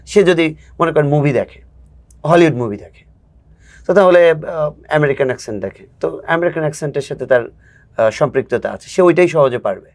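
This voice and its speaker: A man who coaches spoken English appears as a guest in a casual interview, patiently explaining things and acting out examples. His voice is on the high side.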